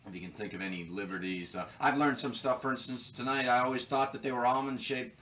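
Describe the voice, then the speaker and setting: A man interviewing a guest in a casual, halting way with frequent restarts. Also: medium pitch, steady tone, bright, forceful tone, poor audio. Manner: halting, restarts often, fills with uh. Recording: off-mic with faint background noise.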